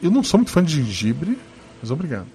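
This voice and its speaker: A man's voice: fairly high pitch, wildly swooping pitch, fast talker, warm tone. A man with a Brazilian Portuguese accent hosting a podcast, casually joking and swearing while reading listener comments. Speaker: podcast host.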